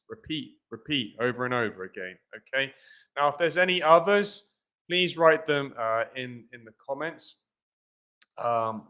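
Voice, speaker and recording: Bright, clear-voiced male English teacher. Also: mid-range voice. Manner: informal, repeats "right?" and "guys", many fillers. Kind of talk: live-streamed lesson with screen share.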